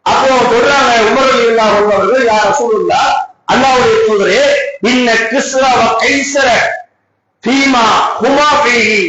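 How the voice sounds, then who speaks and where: A man with a Tamil Nadu accent preaching a Friday sermon in a mosque, impassioned, often shouting with tearful emphasis. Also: extremely high pitch. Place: mosque hall. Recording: echoey mosque PA, dull, noisy.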